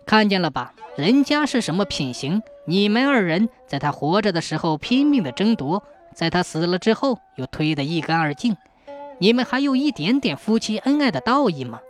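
Sharp commanding old magistrate, mocking tone, lively pitch, put on by a storyteller, storybook telling. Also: normal speed, soft background music, lightly acted. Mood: stern. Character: stern clever old male county magistrate.

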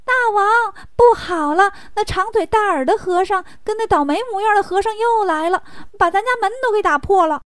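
A little goblin servant squeaking high and tumbling over his words in a panic, as a woman puts him on. The sound is close and dry. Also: fairly quick, few pauses, no room sound. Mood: panicked.

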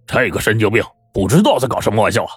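A man's voice: deep voice, big pitch swings, fast talker, no echo, soft background music. A male storyteller voicing a fat, hot-tempered man who grumbles and blusters impatiently. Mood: grumbling.

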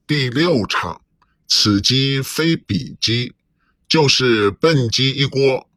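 A man announcing scene titles and commentary in a drawn-out, playful manner. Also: mid-range voice, a bit bright, dry recording. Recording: voice over clear music.

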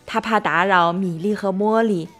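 A woman telling a bedtime story for children in a gentle, expressive way. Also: medium pitch, normal speed, soft background music.

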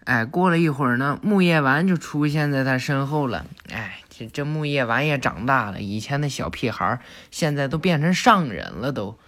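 A man's voice: mid-range voice, expressive, normal speed, hardly any pauses, fairly bright tone. A man playfully retelling an anime episode, chatty and joking and correcting himself as he goes. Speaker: storyteller.

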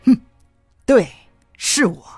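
A man voicing a cold, menacing male driver who sneers slowly at his victim in a comic audio sketch, with faint music behind. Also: sits high, expressive. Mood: cold sneering. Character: cold, menacing male chauffeur seeking revenge.

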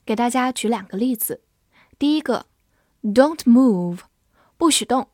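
A woman teaching English words to Chinese speakers, spelling them out letter by letter and reading example sentences slowly. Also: on the high side, a little mellow, dry recording, clean studio sound. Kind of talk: vocabulary lesson.

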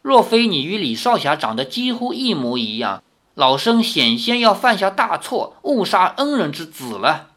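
A reader voicing an old woman, an elder who questions a young stranger sharply and then warms to him with formal, old-fashioned courtesy. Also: mid-range voice, very animated, normal speed. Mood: courteous. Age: older. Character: stern then kindly old woman, elder of a hidden sect.

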